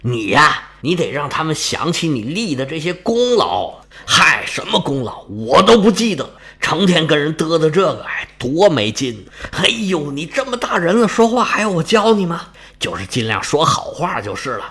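An anxious old Roman senator, put on by a male storyteller, coaxes and frets. His voice is bright and animated. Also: a little high, normal speed. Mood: fretful. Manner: coaxing, fretful.

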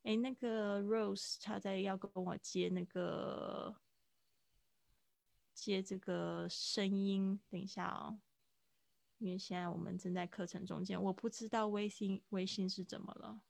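A woman patiently explains English phrases to students in a live online class. Her voice has a gravelly edge, and the sound is dry and close, with no room behind it. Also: mid-range voice, steady tone, unhurried, darkish tone, no room sound. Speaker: English teacher.

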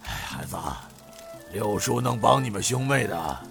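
A kind-hearted aging innkeeper from a told story talks with a gravelly edge and lively rises and falls, sighing fatherly over the children, as a male storyteller puts him on. Soft music runs faintly underneath. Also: lowish voice, normal speed, exaggerated voice. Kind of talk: storytelling with voiced characters.

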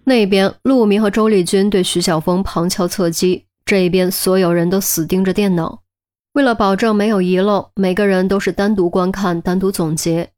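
A woman reading a crime audiobook in a steady storytelling manner. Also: mid-range voice. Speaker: audiobook narrator. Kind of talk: scripted audiobook narration.

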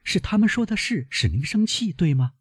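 A man's voice: sits high, big pitch swings, brisk, breathy edge, dry recording, clean studio sound, pitched above the performer's own voice, exaggerated voice. A man voicing an anxious, devoted young granddaughter who keeps pressing her questions urgently. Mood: anxious pleading.

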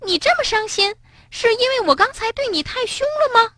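A woman voicing a small blind male mole in a storybook, with a high, quick, chirpy voice. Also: expressive, pushed and bright, dry recording, studio quality, heavily acted. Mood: curious. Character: grumpy then gentle little blind male mole.

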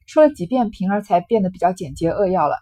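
A woman's voice: medium pitch, expressive, fast talker, warm tone. A woman explaining a classic novel, retelling its scenes in a conversational way with small fillers. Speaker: literature lecturer.

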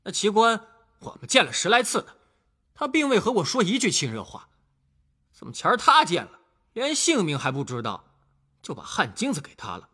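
Male actor: high, husky, blustering young hothead for an audio drama, wide swings. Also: wildly swooping pitch, fairly quick, long pauses, sharp tone, full character voice. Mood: angry. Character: hot-headed young man, blunt and quarrelsome.

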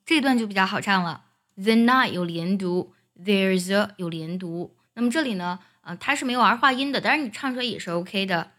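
A woman teaching an English song, explaining each line and singing it slowly as a demonstration. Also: medium pitch, a bit bright. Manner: explains pronunciation, then sings demo phrases.

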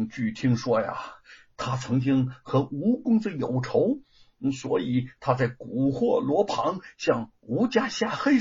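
A man's voice: on the high side, a little mellow, slightly rough, voice pushed up, heavily acted. A man voicing a humble, reformed former thief who talks nervously and stumbles over fillers, in a storybook reading. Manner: nervous, hurried, full of hesitant fillers. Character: humble reformed male ex-thief, grateful and anxious. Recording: dull lo-fi recording.

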